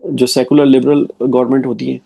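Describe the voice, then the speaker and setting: A man's voice: mid-range voice, level tone, fairly quick, vocal fry, dark tone, breathy edge. A man giving an explanatory commentary monologue, arguing his point with rhetorical questions and frequent check-ins to the listener.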